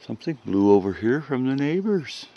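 A man giving a casual, unhurried walkaround of his food garden outdoors, pointing out plants with short remarks. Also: medium pitch, very animated, lo-fi sound.

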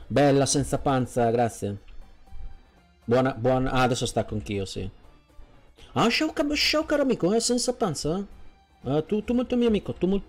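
A jokey, flattering Egyptian man from Cairo, as a male streamer puts him on in a game role-play. His voice sits high and swings widely in pitch. He talks in broken, simplified phrases, repeating words to make his point. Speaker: streamer role-playing a character.

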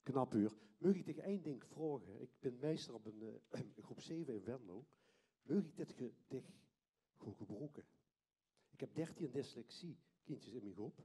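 This stage host, a schoolteacher in his fifties with a Limburgish Dutch accent, chats with contestants and presents live before a theatre audience using a handheld microphone. His medium-pitched voice is animated and mellow with a breathy edge, moving at a moderate pace in informal, hesitant phrases.

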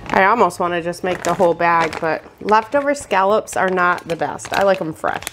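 A woman's voice: fairly low pitch, moderate pace, noisy background. An older woman in her home kitchen, chatting casually as she walks through each cooking step for her vlog. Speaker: cooking vlogger. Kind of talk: casual cook-along narration.

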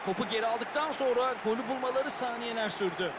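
High-voiced male co-commentator, loud noise behind. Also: brisk, a loud crowd. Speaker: football co-commentator. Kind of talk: analytical sports commentary. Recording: loud stadium-like background noise.

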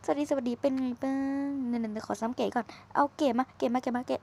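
Chatty high-voiced woman playing a game. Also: steady tone, fast talker, gravelly, warm tone. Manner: chatty, teasing, exclaims often. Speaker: gaming streamer. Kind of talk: casual game commentary.

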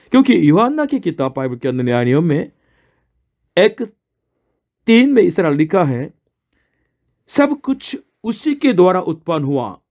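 A man's voice: on the high side, darkish tone. Earnest man preaching a sermon. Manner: earnest, explanatory, asks and answers own questions.

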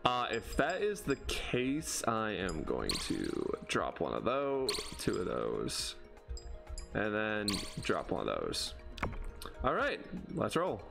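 Young man, casual game streamer, lively pitch swings, gravelly fry, game music behind. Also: takes it slowly. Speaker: streamer playing a video game. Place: small indoor room.

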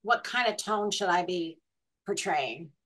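A woman's voice: on the low side, expressive, measured pace, a bit bright. A woman hosting a webinar on a video call, casually asking the coaches questions. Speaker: webinar host.

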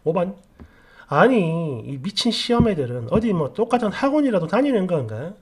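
A woman's voice: fairly low pitch, big pitch swings, normal speed, slightly rough. A woman narrating reader-submitted family stories in a chatty, indignant storytelling manner.

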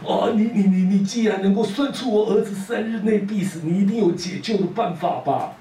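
Desperate, begging father, high and shaky, a male teacher acting; faint hiss. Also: a little fast, mellow. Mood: pleading. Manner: stammering, begging. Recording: roomy classroom from a distance.

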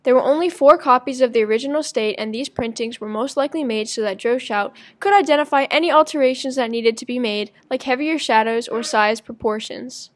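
A woman's voice: on the high side, fairly quick, hardly any pauses. A woman narrating a school project presentation, reading evenly from a script. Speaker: student presenter.

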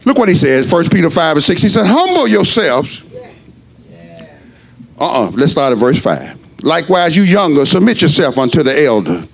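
A middle-aged man preaching a sermon as pastor, rising into shouts and stretching his words. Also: on the high side, very animated, normal speed, vocal fry.

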